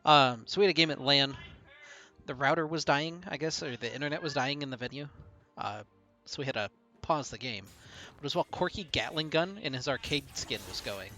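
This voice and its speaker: A young man casting an esports match, chatty between plays and calling the action fast when fights break out. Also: on the high side, faint music behind. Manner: rises to fast excited calls in fights; chatty, laughs between anecdotes. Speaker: esports caster. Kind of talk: play-by-play game commentary.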